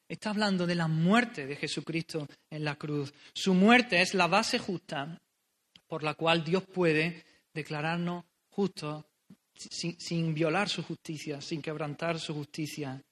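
A man's voice: sits high, pushed and bright. A man preaching an earnest, pleading sermon, repeating phrases for emphasis.

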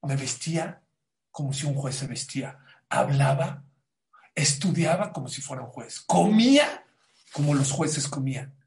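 A man giving a Torah class as a sermon, animated and preacherly, rising to loud emphatic bursts. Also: a little high, unhurried.

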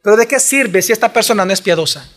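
A man's voice: high-pitched, animated, fast talker, a bit bright. A man preaching a sermon, pressing his listeners with emphatic rhetorical questions.

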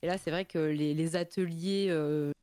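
A woman's voice: deep voice, fairly even intonation, moderate pace, warm tone, clear, resonant tone, dry recording. A young woman with a Lorraine French accent, a guest chatting casually in an interview, laughing often and filling with hesitations. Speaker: guest, streamer and artist.

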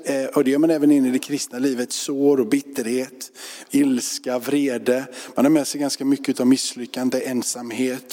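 A man's voice: medium pitch, mellow. A male pastor giving a sermon in an informal, conversational way, with loose fillers and repeated words. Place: church sanctuary. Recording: reverberant church hall.

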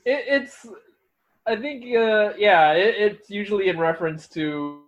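A playful man chats slowly, his pitch swinging widely as he jokes. His casual podcast chatter is full of easy laughter. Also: lively intonation, highs cut off. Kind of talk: casual chat.

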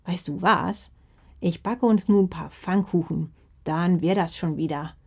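A woman's voice: on the low side, unhurried, slightly rough. A woman playing a fussing old granny. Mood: fussing, kind. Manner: loud, bustling and concerned. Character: kindly, fussing old grandmother. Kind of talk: children's audio story.

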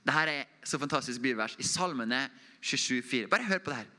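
A man's voice: medium pitch, animated. Earnest young man preaching a testimony. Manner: earnest and conversational, dropping to a hush on intimate moments. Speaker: preacher giving a mission report. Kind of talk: informal testimony sermon. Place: church.

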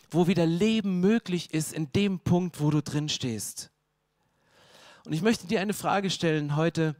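High-voiced man preaching emphatically. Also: a little mellow, no echo, clean studio sound. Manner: emphatic, colloquial preaching with slang. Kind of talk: sermon.

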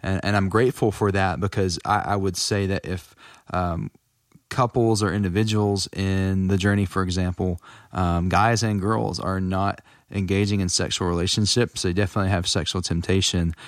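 A man's voice: deep voice, fairly even intonation, normal speed, dry recording, clean studio sound. A man with a West Texas accent hosting a casual interview, feeling his way through questions as he rephrases them.

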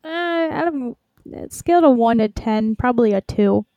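A woman's voice: a little high, animated, measured pace, dark tone, dry recording. A woman in casual fan chat as a podcast co-host.

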